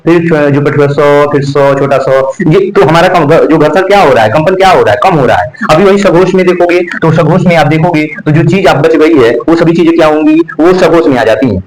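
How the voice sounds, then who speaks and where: A man with a fairly high voice leads a grammar class for exam preparation, captured in a low-quality recording. He moves slowly, repeating letters and terms as drills, and responds to his own questions to the class.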